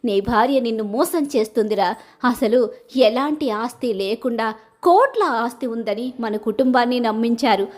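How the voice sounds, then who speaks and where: A woman voicing a stern middle-aged mother-in-law who scolds her family with slow, emphatic indignation. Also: a little high, animated, darkish tone. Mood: furious.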